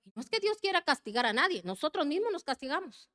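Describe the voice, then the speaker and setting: A woman preaching a sermon with passion, calling her listeners her brothers again and again and swinging between loud urging and quiet, heartfelt pleading. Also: high-pitched, big pitch swings, quick pace.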